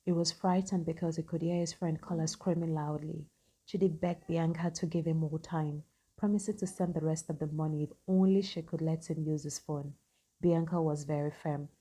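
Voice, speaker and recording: A woman narrating a scripted story in an even, matter-of-fact way. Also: low voice, moderate pace, slightly rough.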